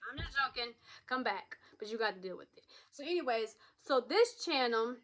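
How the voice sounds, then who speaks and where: Casting: female vlogger, highish bright voice, sassy unscripted chat, chewing gum as she talks. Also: animated, moderate pace. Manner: talking with gum in the mouth; candid, sassy, slangy. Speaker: vlogger introducing a personal channel. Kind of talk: casual chatty monologue to camera.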